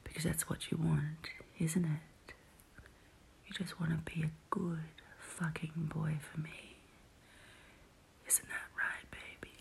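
A woman performing an intimate whispered roleplay audio, teasing and murmuring softly in a low whisper. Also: level tone, takes it slowly, vocal fry, pauses often.

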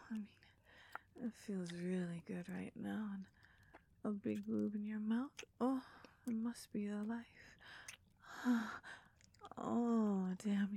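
A woman voicing a doting, possessive young goth woman lover in an intimate audio roleplay, talking in a soft coaxing whisper. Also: mid-range voice, vocal fry, breathy edge, full character voice.

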